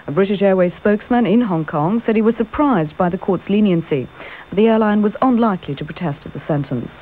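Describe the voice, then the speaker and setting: A woman newsreader delivering a radio news bulletin in a brisk, even, formal reading style. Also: mid-range voice. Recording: tinny, narrow-band off-air radio recording.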